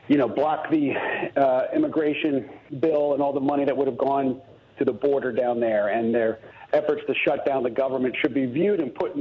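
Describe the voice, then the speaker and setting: A middle-aged man calling in to a radio show over a phone line, earnest and halting, with many restarts. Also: mid-range voice. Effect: heard over a phone line. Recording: muffled phone-line audio.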